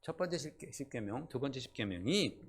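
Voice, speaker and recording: A man preaching a Sunday sermon in a church, lively, often putting questions to the congregation. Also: medium pitch, a little fast, husky. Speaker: pastor. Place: church sanctuary.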